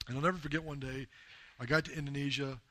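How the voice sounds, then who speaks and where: An earnest pastor preaching a sermon, mid-pitched and conversational, leaning on emphasis and small fillers. The recording is dry and close, with no room sound around his voice. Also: steady tone, fast, a bit bright, dry recording. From United States. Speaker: pastor and missionary leader. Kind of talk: sermon with personal storytelling.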